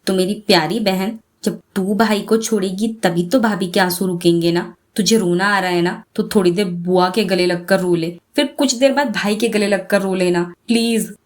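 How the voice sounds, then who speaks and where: A woman's voice: mid-range voice, normal speed, few pauses, close to an everyday voice. Woman voicing a teasing, bossy young sister. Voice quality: playful, teasing.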